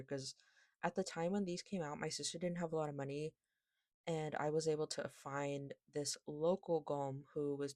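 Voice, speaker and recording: A woman's voice: low voice, a little mellow, no room sound, clean studio sound. A woman with a lisp that makes her s slushy, chatting casually and rambling, often interrupting herself. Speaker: vlogger, K-pop collector. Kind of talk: casual rambling haul chat.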